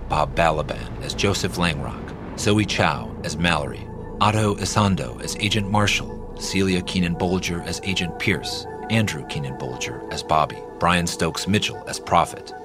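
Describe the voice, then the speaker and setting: A man reading the closing credits in a measured, even way. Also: low-pitched. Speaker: credits announcer. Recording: music bed behind voice.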